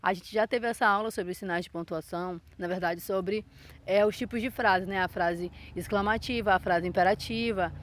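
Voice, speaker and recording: A woman's voice: mid-range voice, steady tone, normal speed. A woman teaching a school grammar lesson in a Brazilian accent, explaining patiently and checking in with the pupils often. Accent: Brazilian Portuguese. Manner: explanatory, frequent "tá?" check-ins.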